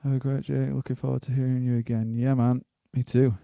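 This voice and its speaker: A man's voice: medium pitch, flat delivery, brisk, gravelly, dark tone, no room sound, clean studio sound. Blokey, matey man hosting a livestream. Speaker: host of a live music stream. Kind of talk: casual chat.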